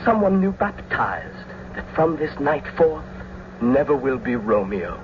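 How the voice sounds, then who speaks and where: A man's voice: medium pitch, sing-song, a little slow, background noise. An actor playing Romeo, an ardent young nobleman in love, with romantic, declamatory radio drama delivery. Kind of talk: classical stage-style radio drama acting. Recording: muffled old radio recording with music.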